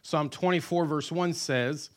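A pastor preaching a sermon in a church, folksy and joking, with call-and-response to the congregation. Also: male voice, a little high, measured pace. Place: church sanctuary.

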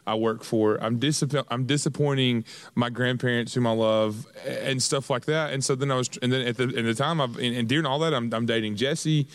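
A man's voice: medium pitch, steady tone, a little fast, no echo. A young man who works in ministry, chatting casually and rambling with frequent restarts. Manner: rambling, self-correcting. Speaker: youth minister. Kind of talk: casual chat.

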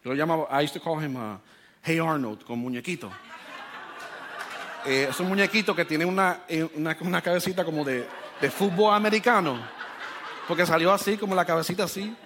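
Guy preaching, tells stories all animated, slips in english bits, voice a bit on the high side. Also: a little fast, noisy background. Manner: animated storytelling, switches into English phrases. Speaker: pastor. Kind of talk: sermon with personal story.

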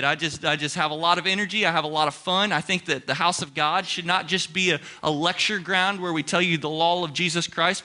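A young man from Ohio with a Midwestern accent, preaching an energetic, joking sermon to his congregation as a pastor. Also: sits high. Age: young adult. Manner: animated, joking, talks to the crowd.

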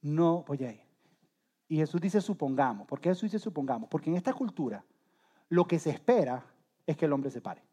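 A man preaching a sermon, telling the story in a lively way, acting out scenes with humor and asking listeners direct questions. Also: on the high side, brisk, husky.

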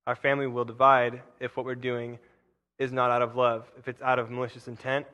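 A man preaching a casual sermon in a church, rambling with fillers and restarts, then bursting into loud emphatic paraphrase. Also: mid-range voice, little pitch movement, fairly quick, clear, resonant tone, big-room sound. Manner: rambling, self-interrupting, with frequent fillers and restarts.

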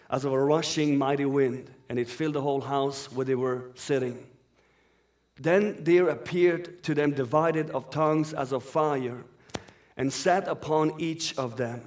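Born in Iran and raised in Sweden, a man whose first language is Farsi preaches a sermon as a guest speaker, reading scripture in an earnest, flowing way. His voice sits on the high side with a darkish tone.

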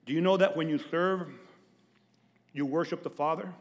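High-voiced preacher in a reverberant hall. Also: male voice, steady tone, normal speed. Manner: stammering repeats, asks the congregation questions. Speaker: pastor. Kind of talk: sermon. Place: church hall.

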